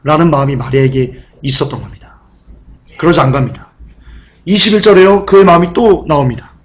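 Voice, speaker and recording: High-voiced man preaching emotionally. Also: brisk, poor audio. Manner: emotional, repetitive, rhetorical questions. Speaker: pastor. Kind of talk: sermon.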